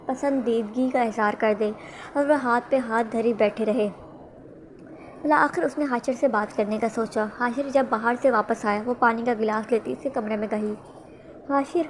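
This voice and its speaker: A woman reading a romance novel aloud in a steady voice, sometimes correcting herself. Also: a little high, a little hiss or hum. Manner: steady, occasional self-corrections. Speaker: novel reader.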